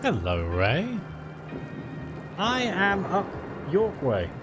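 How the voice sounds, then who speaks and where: A man's voice: high-pitched, wildly swooping pitch, extremely slow, background noise. A man from Wales with a Midlands accent, chatting and joking while playing a game. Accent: Midlands English. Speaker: let's-play streamer. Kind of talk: casual game commentary.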